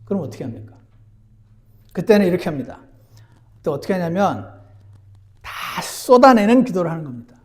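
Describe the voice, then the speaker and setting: A man preaching a sermon as pastor, earnest, moving between emphatic lines and hushed ones. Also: sits high, very animated, brisk, pauses often. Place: church.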